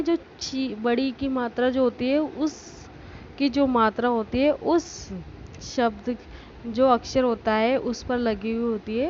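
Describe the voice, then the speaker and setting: Woman teacher, slightly high voice, very slow and patient, spells words out for small children; dull lo-fi recording with faint hiss. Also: darkish tone. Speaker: school teacher. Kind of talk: recorded class lesson.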